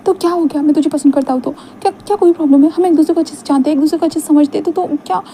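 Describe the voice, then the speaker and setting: A woman's voice: high-pitched, very fast, mellow, a little hiss or hum, pitched above the performer's own voice, close to an everyday voice. A woman voicing an eager, nervous young man in a retold story, stammering and half-whispering as he pleads. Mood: pleading.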